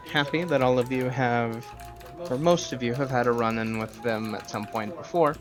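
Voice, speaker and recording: A man voicing a calm, knowing male desert caravan guide in a tabletop game, over a voice call. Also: medium pitch, natural voice.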